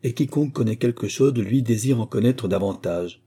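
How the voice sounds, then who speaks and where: Man reading a polite obliging jailer, dark mellow voice. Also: mid-range voice, brisk, husky, natural voice. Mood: respectful. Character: obliging respectful male jailer.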